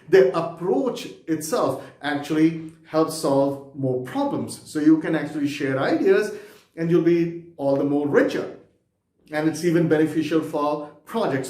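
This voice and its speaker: A man's voice: fairly high pitch, mellow, roomy sound. A man teaching exam preparation in a conversational lecture, often checking in with his listeners. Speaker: exam prep instructor. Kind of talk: explanatory lecture.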